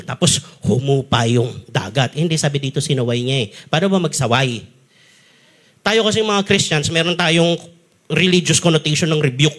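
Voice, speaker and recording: A man with a Filipino accent preaching a sermon as pastor, telling stories with acted-out sounds and frequent laughter. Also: a little high. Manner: animated storytelling, acts out sounds and quotes, laughs often. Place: church stage.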